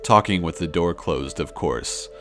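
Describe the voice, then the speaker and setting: A man narrating true scary stories in a slow, measured storytelling manner. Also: low voice, a bit bright. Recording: faint music under the voice.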